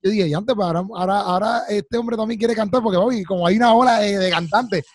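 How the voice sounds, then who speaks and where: A man's voice: high voice, quick pace, no echo. A man, hosting an interview in an eager, affirming way, repeating his words. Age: 30s. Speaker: host. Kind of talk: casual interview chat. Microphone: studio mic with headphones.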